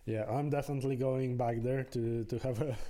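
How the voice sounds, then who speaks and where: A man hosting a podcast, interviewing a guest over food with slow, searching phrasing and restarts. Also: medium pitch, steady tone, dark tone. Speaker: podcast host.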